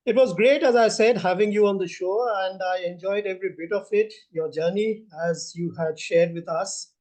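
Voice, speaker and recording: Male talk-show host, middle-aged, Indian accent, high-pitched, effusive, repetitive casual phrasing. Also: normal speed, darkish tone. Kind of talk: casual conversational interview.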